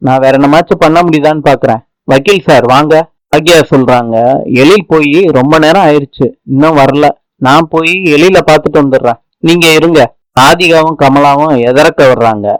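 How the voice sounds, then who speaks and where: Male recap narrator, higher-pitched, plain storytelling that voices every character himself, dry close mic. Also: no echo, rough recording. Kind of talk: narrated episode recap, reading all characters' lines.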